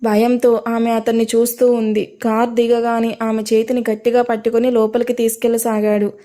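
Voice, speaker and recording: A woman tells a dramatic audio story in a steady storytelling voice that sits a little high for a woman. She reads the scenes straight and lifts her pitch whenever a character speaks. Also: normal speed. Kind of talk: scripted narration of an audio story.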